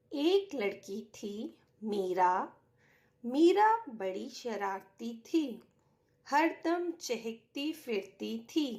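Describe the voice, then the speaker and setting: A woman teaching a primary Hindi class online, spelling words out syllable by syllable with drawn-out, careful enunciation. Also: mid-range voice.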